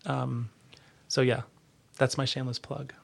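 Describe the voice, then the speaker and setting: A man giving a conversational podcast interview as an agency leader, earnest and halting, often rephrasing as he goes. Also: medium pitch, level tone, creaky.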